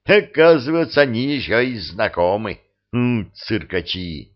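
A huffy officer who grumbles through sarcastic remarks, read by a man. The voice is low, and the recording sounds dull and lo-fi. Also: a little slow, close to an everyday voice. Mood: grumbling.

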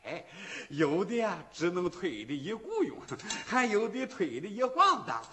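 A man's voice: high voice, wildly swooping pitch, measured pace, bright, forceful tone, slight background noise, heavily acted. A man voicing an earnest, timid young man who pleads eagerly with his older sworn brother in rhythmic storytelling.

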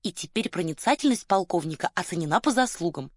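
A woman voicing a cheerful, quick-witted young woman in an audiobook. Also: on the low side, lively intonation, husky, no room sound, studio quality. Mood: lively.

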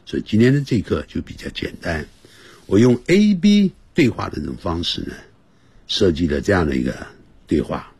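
A man teaching an English lesson on the radio. He explains grammar patiently and sounds words out slowly, several times over, to show how they should be said. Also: deep voice, sing-song, a little mellow, breathy edge, no room sound. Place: radio studio.

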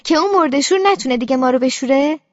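A woman narrates an audiobook in the first person as a young girl, in a quiet, subdued and brooding way. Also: high-pitched, dry recording, dull audio.

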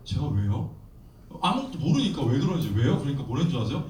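A man in his thirties, a missionary preacher telling his story in a sermon, acting out quotes with lively energy. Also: mid-range voice, rapid-fire. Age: 30s. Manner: animated storytelling with acted quotes. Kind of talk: sermon testimony. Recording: echoey hall, distant mic, faint noise.

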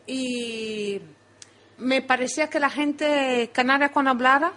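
A woman's voice: sits high, fairly even intonation, sharp tone. A woman from Italy who speaks Spanish with an Italian accent, answering questions in a radio interview and often restarting her words. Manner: halting, repeats and restarts words. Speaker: interview guest, former restaurant owner. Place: radio studio.

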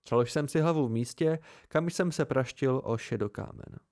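A man's voice: mid-range voice, darkish tone. Man reading an amateur audiobook. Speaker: audiobook reader.

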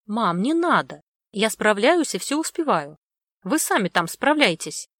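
A woman's voice: medium pitch, big pitch swings, measured pace, fairly bright tone, dry recording, clean studio sound. A woman reading aloud and voicing a cheerful young student daughter who talks eager and upbeat.

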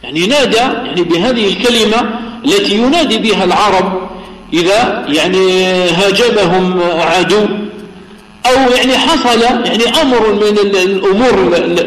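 A man teaching a religious text. He explains slowly, repeats himself and often stops on halting filler pauses. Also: sits high, fairly bright tone. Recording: echoey hall reverb.

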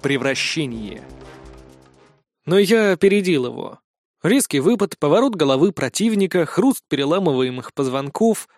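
A man narrating a first-person fantasy audiobook in a steady, matter-of-fact manner. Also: on the high side, moderate pace, no echo, studio quality, soft background music.

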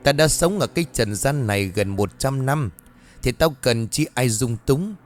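A man's voice: mid-range voice, animated, normal speed, close to an everyday voice. A man voicing a young man possessed by a vicious century-old female demon, speaking with a mocking, snarling cruelty in a horror audiobook. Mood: menacing.

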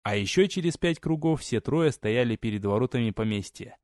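Guy reading an audiobook, middle pitch, dry close sound. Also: animated, brisk, darkish tone, dry recording. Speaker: audiobook narrator. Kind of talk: scripted narration.

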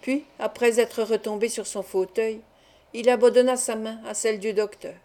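Warm, expressive woman audiobook reader. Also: on the high side, normal speed. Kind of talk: literary audiobook narration.

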